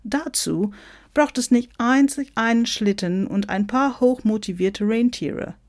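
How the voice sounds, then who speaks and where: A woman's voice: a little high, a little slow, a little mellow, pitched above the performer's own voice, lightly acted. A woman voicing a boastful, big-bellied in a storybook reading, brash and showy. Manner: brash, showy, mixing in English phrases. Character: boastful American Santa Claus, older man with a big belly.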